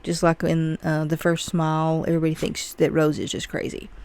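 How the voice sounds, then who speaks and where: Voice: mid-range voice, completely flat delivery, fairly quick, a little mellow, clear, resonant tone. A movie reviewer giving a casual, chatty spoiler recap of a film, full of "like" and "you know".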